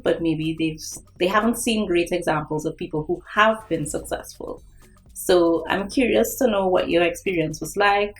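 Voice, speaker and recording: A woman's voice: on the low side, rough recording. A young woman from Trinidad and Tobago, an artist hosting her own vlog and speaking earnestly and directly to her viewers. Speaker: artist and channel host. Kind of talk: vlog talk to camera.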